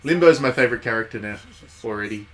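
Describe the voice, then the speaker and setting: Speaking quickly at a medium pitch, a man streams a game and jokes with his viewers in chatty commentary. He's a game streamer and reviewer who reads game text aloud during the casual livestream.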